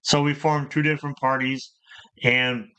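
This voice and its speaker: A middle-aged man with a bright, forward voice, hosting a relaxed group conversation. He tells long stories, often restarting and repeating words. His pitch stays in an ordinary middle range. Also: moderate pace, clean tone. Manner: rambling, repeats words, animated storytelling. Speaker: channel host. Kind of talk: casual group chat about gaming.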